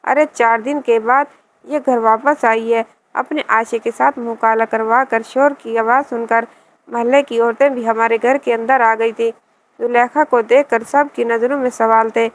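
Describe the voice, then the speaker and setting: A woman telling an emotional story in a steady, earnest way, speaking as a young man in the first person. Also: fairly high pitch, poor audio.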